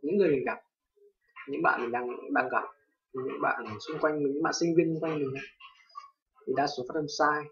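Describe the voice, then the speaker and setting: A young man from Vietnam with a Vietnamese accent, casually teaching English pronunciation, hesitant with many fillers and loudly repeating example words. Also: a little high, fairly even intonation, moderate pace, vocal fry, pauses often. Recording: distant lo-fi home recording.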